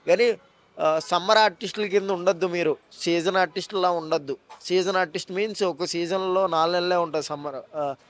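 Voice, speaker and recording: Man, actor and mimic, rapid and lively interview guest. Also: sits high. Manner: fast, animated storytelling with joking asides. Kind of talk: casual interview talk.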